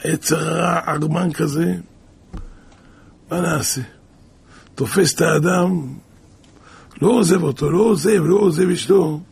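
A man preaching a sermon and telling stories in an animated way, full of rhetorical questions. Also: fairly high pitch, pauses often. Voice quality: gravelly and husky. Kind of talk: sermon with storytelling.

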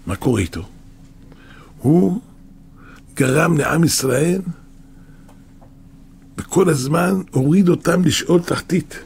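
A man preaching a sermon, telling a parable with animated, repetitive emphasis. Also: on the high side, vocal fry, long pauses, slightly rough.

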